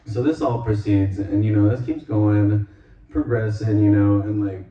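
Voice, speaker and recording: A man's voice: lowish voice, steady tone, measured pace, dark tone. Rambling man recapping a movie, roomy lo-fi. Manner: rambling, heavy filler words, acts out quotes. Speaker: podcast host reviewing a movie. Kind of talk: casual solo movie recap. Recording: roomy, distant, dull lo-fi sound.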